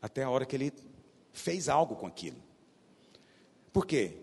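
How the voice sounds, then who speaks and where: A man preaching a sermon with a Goiás Brazilian accent, his voice gravelly and a little husky. He swings between loud emphatic bursts and low hushed asides, with a pitch that leaps and falls. His voice carries a long reverb from a large hall. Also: sing-song, normal speed. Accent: Goiás Brazilian Portuguese.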